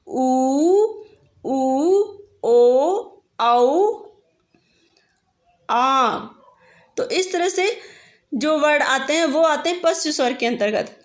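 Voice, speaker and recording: Woman teacher, high voice, patient explaining, echoey room. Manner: patient, drawn-out sounding of vowels. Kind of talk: explanatory grammar lesson.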